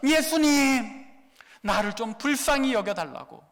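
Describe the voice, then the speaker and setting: A man's voice: very high voice, lively intonation, moderate pace, sharp tone, full character voice. A man voicing a desperate blind beggar who pleads and cries out for mercy in a raised, straining voice. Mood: crying out. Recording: long hall reverb.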